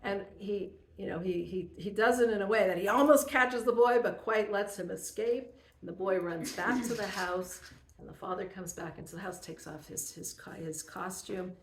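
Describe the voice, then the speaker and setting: A woman's voice: medium pitch, normal speed, a little hiss or hum. Earnest woman teaching a Torah class. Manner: earnest, animated storytelling to a group. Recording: roomy echo.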